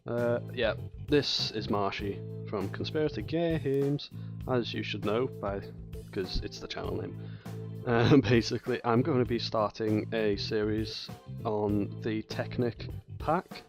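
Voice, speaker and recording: A man hosting a casual gameplay tutorial, rambling and hesitant, often restarting sentences and filling pauses. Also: on the low side, fairly even intonation, vocal fry, music in the background. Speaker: gaming channel host.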